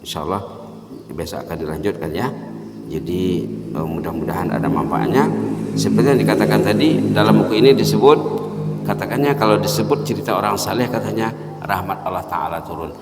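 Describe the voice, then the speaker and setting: A man preaching a morning sermon with emphatic, repeated points that swing between loud and soft. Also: fairly even intonation, fairly quick, very noisy. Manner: emphatic, rising to loud repeated points then dropping low. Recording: echoey hall reverb.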